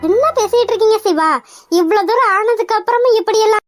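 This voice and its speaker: A proud young widowed doctor in a cartoon, as a woman voices her, earnest and defiant. Her voice sits very high, and the recording is dry and close. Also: fast, no echo, faint music behind. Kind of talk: cartoon voice acting.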